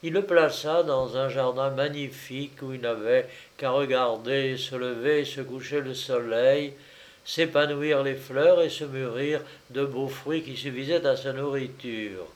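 Slow, measured male audiobook narrator. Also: mid-range voice, fairly even intonation. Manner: measured, wry storytelling delivery. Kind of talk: audiobook reading of a literary story.

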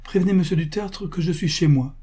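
Guy doing a shy soft young wife, voice a bit higher, dark husky tone. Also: a little fast. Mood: gentle.

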